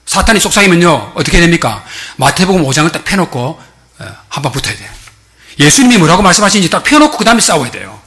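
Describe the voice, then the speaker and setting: Bright-voiced, exhorting male pastor. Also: a little high, very animated, fast. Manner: emphatic, exhorting, frequently addressing the congregation. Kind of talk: sermon. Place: church sanctuary.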